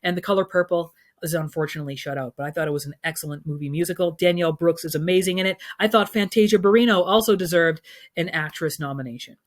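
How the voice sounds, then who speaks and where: A man's voice: a little high, fast. Chatty man predicting film awards. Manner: chatty and opinionated, frequent ums and uhs. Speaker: film commentator.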